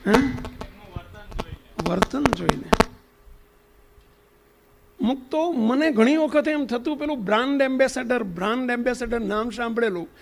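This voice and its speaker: A man's voice: extremely high pitch, normal speed, creaky, pauses often, a little hiss or hum. A man preaching to an assembly, telling a story and putting questions straight to his listeners. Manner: questions the audience directly.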